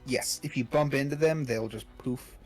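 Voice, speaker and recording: A man's voice: mid-range voice, moderate pace, a little mellow, soft background music. A man casually chatting and teasing while streaming a video game, in a playful, mock-indignant manner.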